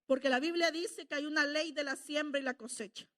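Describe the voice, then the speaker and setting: A woman's voice: sits high, fairly even intonation, a little fast, a bit bright. A middle-aged woman preaching a sermon in a conversational way, often checking in with the congregation. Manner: conversational, asks the congregation "¿verdad?".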